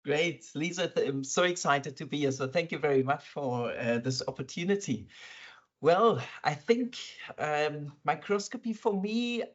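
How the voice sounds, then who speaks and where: A man's voice: on the high side, animated, unhurried. A middle-aged man from Berlin, talking thoughtfully and enthusiastically in an interview, with many fillers. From Germany, East Berlin. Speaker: interviewed scientist. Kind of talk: conversational interview. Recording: dull lo-fi sound.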